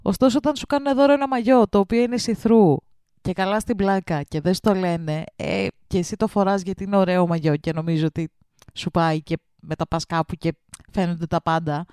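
Lively woman podcast host, dry sound. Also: fairly low pitch, clean tone, dry recording. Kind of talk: reading a listener's story and casual chat.

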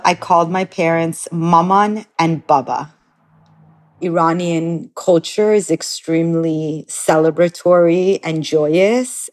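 Woman in her forties, guest, earnest personal story, low-pitched voice. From born in Iran, raised in Los Angeles. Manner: earnest, reflective, searching.

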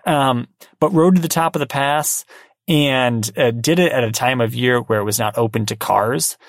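A man co-hosting a casual podcast, talking in a relaxed, wry way with plenty of restarts. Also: mid-range voice, normal speed, no room sound, clean studio sound. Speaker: podcast co-host. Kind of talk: casual chat.

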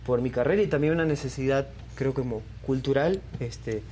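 A man's voice: mid-range voice, fairly quick, mellow, slight background noise. A young man from Ecuador, a singer being interviewed, talking casually with many fillers and restarts. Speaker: guest singer.

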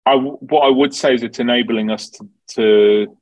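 A man's voice: medium pitch, fairly even intonation, moderate pace, a little mellow, dry recording, dull audio. A man with a Dublin Irish accent giving informal, explanatory answers in an interview about his work. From Dublin, Ireland. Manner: explanatory, informal, peppered with 'you know'. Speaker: farm manager, interview guest.

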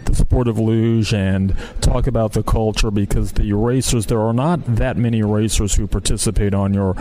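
A man's voice: lowish voice, fairly even intonation, moderate pace, mellow, a little hiss or hum, low-quality recording. A man co-hosting a travel radio show, making formal announcements and asking a guest questions.

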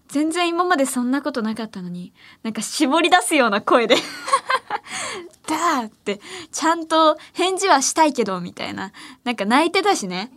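A woman's voice: high voice, fairly bright tone. A young woman hosting a late-night radio show, chatting casually in a playful, teasing way and laughing often. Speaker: radio host. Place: radio studio.

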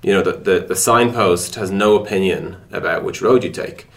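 Being interviewed on a casual podcast, a tech product executive speaks at a normal speed in a low, gravelly voice. His explanations are conversational, and he gropes for words along the way.

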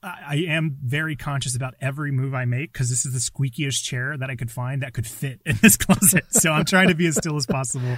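A man's voice: mid-range voice, a little fast, hardly any pauses, a bit bright, no room sound. A man co-hosting a casual podcast, chatting informally from a small closet. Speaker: podcast co-host.

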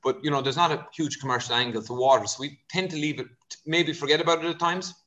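A man's voice: a little high, quick pace, bright, forceful tone. A man from Kerry with a west of Ireland accent, explaining things conversationally as an expert vet, with informal asides. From County Kerry, Ireland.

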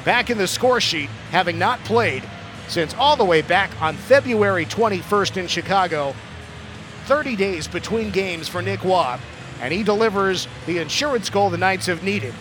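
A man's voice: high-pitched, expressive, moderate pace, over music. A man giving live hockey commentary as play-by-play announcer, with dramatic calls on big plays. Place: arena broadcast booth.

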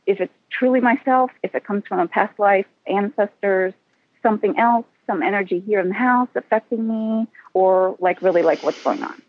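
A woman's voice: medium pitch, moderate pace, dry recording. A woman calling in to a radio show over the phone. She talks hesitantly, repeats herself and sounds tired. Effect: phone-line caller on a radio show. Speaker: caller. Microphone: phone held to the mouth. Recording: tinny phone line.

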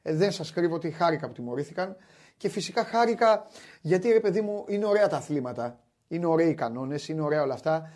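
A man hosting a basketball talk show, chatting animatedly and wryly, often restarting his sentences. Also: a little high. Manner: animated, wry, many restarts. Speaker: sports show host. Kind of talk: casual basketball chat.

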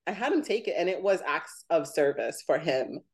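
A woman's voice: deep voice, lively intonation, moderate pace. A woman in her thirties hosting a podcast, chatty and laughing often, with lots of "like" fillers. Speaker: podcast host. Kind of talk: casual podcast chat.

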